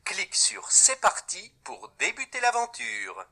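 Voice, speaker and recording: A man reading scripted instructions to a child in a reading app, clearly articulating and dictating single words. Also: sits high, very animated, a little slow, sharp tone.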